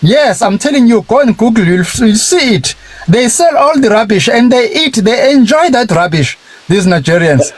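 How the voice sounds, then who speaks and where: A man with a high voice argues insistently and scornfully. He often stalls on fillers and then pushes on. He sounds like a participant taking his turn in a live discussion. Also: lively intonation, moderate pace, no echo. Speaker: speaker in a live audio discussion. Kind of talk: heated argument.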